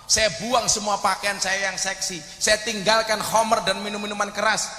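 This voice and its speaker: High, bright Javanese-accented preacher in an echoing hall. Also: male voice, moderate pace. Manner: animated storytelling, bursts into shouts for punchlines. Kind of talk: humorous sermon. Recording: echoey hall reverb.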